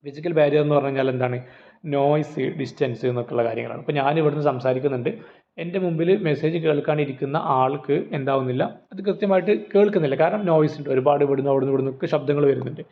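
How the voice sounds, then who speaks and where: A man's voice: mid-range voice, very fast. A man teaching an exam-prep lecture, explaining with rhetorical questions and everyday examples. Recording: phone-like narrow audio.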